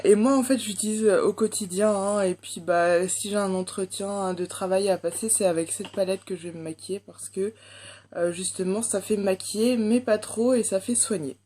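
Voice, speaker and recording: A warm, mid-range voice belongs to a young beauty vlogger with a French accent. Reviewing a makeup palette, she rambles casually and hesitantly, filling gaps with lots of fillers.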